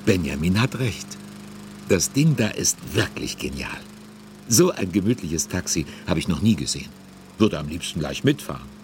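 A man's voice: deep voice, moderate pace, noisy background. A man narrating a scripted children's story in a genial, amused and wry manner. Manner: wry, lively.

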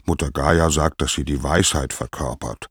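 A man's voice: rumbling low, steady tone, normal speed, breathy edge, dry recording, studio quality, exaggerated voice. A man voicing Zeus as a mighty, grumpy old god-king suffering a headache, groaning and suspicious. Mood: irritable, aching.

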